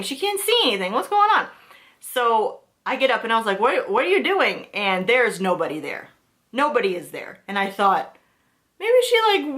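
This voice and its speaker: Bright-voiced young woman telling a ghost story. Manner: animated, shifting pitch when quoting herself. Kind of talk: casual storytelling to camera.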